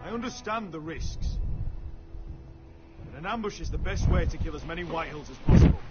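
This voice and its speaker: An actor playing a resolute young lord of a besieged house in a fantasy game, grave and commanding. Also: male voice, fairly high pitch, brisk, natural voice. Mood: determined. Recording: muffled, music behind.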